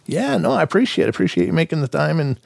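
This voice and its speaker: A man's voice: a little high, sing-song, fast talker, creaky, darkish tone, no echo. A man hosting a podcast in a chatty, informal and encouraging way. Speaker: podcast host and interviewer.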